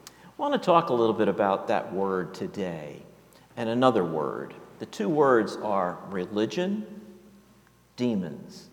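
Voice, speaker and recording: Low-voiced pastor preaching in a reverberant hall. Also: male voice, wildly swooping pitch. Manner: halting, with many fillers and restarts. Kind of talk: sermon. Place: church.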